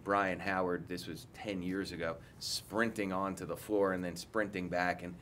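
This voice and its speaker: After the game, a forties-aged head coach at a table mic in an indoor press room gives candid, rambling answers riddled with restarts. He talks at a normal speed with a low, flat, slightly bright voice, and there's slight background noise.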